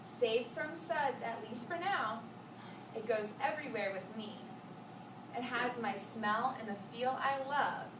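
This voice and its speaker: In a noisy school classroom, a young woman student teacher reads to young children and chats with them in simple terms. She speaks unhurriedly with a fairly high pitch, and the capture is roomy and distant.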